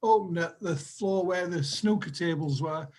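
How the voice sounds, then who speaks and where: High-voiced older man from Sheffield telling a story. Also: moderate pace, darkish tone, low-quality recording. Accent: Sheffield English. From England. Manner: chatty storyteller, laughs at his own jokes. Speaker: group member telling a story. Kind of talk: casual anecdote on a video call. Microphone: video call.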